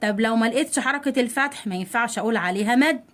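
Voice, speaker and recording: Egyptian lady teacher talking to kids, kinda high voice, asks stuff then answers it, stretches words out slow. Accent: Egyptian Arabic. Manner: asks questions and answers them herself, stretches example words slowly; coaxing, addresses kids directly. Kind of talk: children's spelling lesson.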